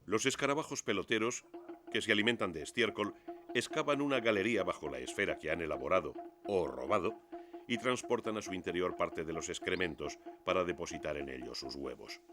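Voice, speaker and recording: A man narrates a scripted nature documentary in a measured, expository storytelling manner. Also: low voice, animated.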